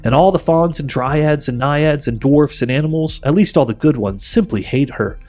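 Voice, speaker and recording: A man voicing a happy, excited little girl in a storybook, eager and earnest in manner. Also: a little high, normal speed, faint music behind, pitched above the performer's own voice, close to an everyday voice. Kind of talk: audiobook character voice.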